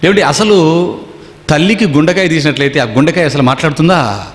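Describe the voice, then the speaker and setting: A man's voice: a little high, brisk. A man preaching a sermon to a gathering. He tells stories and keeps firing rhetorical questions at his listeners. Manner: storytelling with rhetorical questions to the audience. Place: seminar hall. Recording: echoey hall with long reverb.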